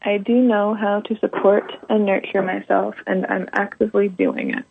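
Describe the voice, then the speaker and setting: Gravelly woman caller on a tinny phone line. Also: medium pitch, level tone, moderate pace. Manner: earnest, repeats after the host. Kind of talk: repeating affirmations over the phone.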